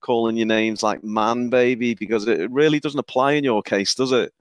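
Northern English man, smooth podcast host. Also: medium pitch, steady tone, moderate pace, no echo. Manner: chatty, stumbles and repeats words. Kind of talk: casual podcast chat.

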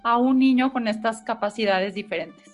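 A woman hosting an interview, gently prompting her guest and politely interrupting to ask questions. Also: a little high, moderate pace, faint music behind. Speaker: host.

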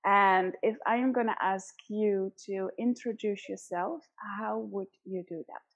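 A woman's voice: medium pitch, steady tone, measured pace, muffled recording. A woman hosting a podcast interview over a remote call, talking in an earnest, reflective way. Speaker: podcast host. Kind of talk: casual interview chat.

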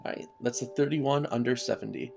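A man playing a tabletop game, talking casually and haltingly with fillers. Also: mid-range voice, gravelly, darkish tone, faint music behind. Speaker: player.

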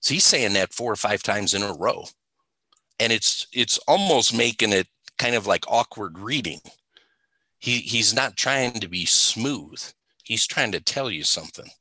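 A man's voice: lowish voice, expressive, measured pace, sharp tone, no echo. A man teaching the Bible in a conversational way, emphatic and stressing points by repeating words.

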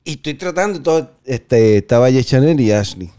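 A young man co-hosting a podcast, telling a story in relaxed, slangy talk. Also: mid-range voice, moderate pace, clear, resonant tone, dry recording. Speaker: podcast co-host. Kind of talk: casual storytelling chat.

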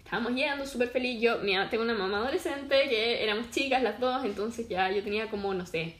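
A woman's voice: a little high, fast, echoey room. A young woman with a Chilean accent telling funny stories in a casual chat, acting out voices as she goes. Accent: Chilean Spanish. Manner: animated, acts out voices while telling stories.

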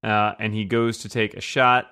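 A man's voice: lowish voice, level tone, moderate pace, pushed and bright, smooth. A man running a tabletop game as game master, narrating casually to the players.

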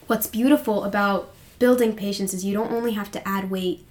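A woman's voice: mid-range voice, steady tone, brisk, darkish tone. A woman co-hosting a casual faith discussion podcast, heartfelt and encouraging, repeating phrases for emphasis. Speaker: podcast co-host.

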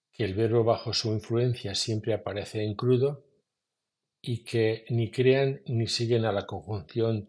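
A man teaching English in a scripted podcast lesson, explaining at a measured pace and saying each example slowly. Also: lowish voice, a little mellow, slightly rough.

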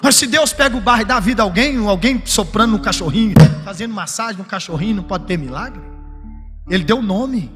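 A man preaching a sermon, swinging between shouted fervor and low, confiding talk. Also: animated, brisk. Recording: music under, long hall reverb.

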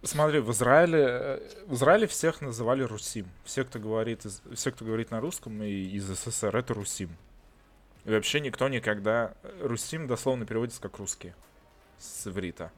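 A Russian man living in Israel chats casually in a mid-range voice at a brisk pace. He is animated and blunt, swearing often.

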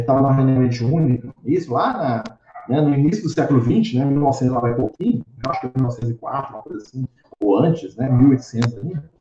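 A man's voice: on the high side, mellow. Man teaching in an echoey room. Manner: conversational, constant "né?" tag questions. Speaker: spiritist study leader. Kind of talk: teaching talk. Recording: roomy, distant, dull sound.

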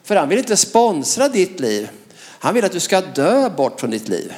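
High-voiced preacher, emphatic and lively. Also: male voice. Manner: lively and emphatic, laughs between phrases, frequent "va?". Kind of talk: sermon.

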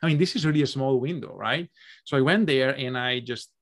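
A man's voice: mid-range voice, fairly quick, fairly bright tone. A man co-hosting a podcast, talking in a thoughtful, hesitant way with many fillers and restarts as he tells a personal story. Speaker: podcast co-host. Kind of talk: reflective podcast chat.

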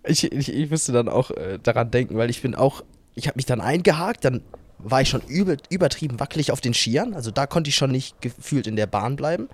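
A man's voice: medium pitch, animated, a little fast. A young man co-hosting a podcast in casual chat, hesitant, often restarting his sentences. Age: young adult. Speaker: podcast co-host.

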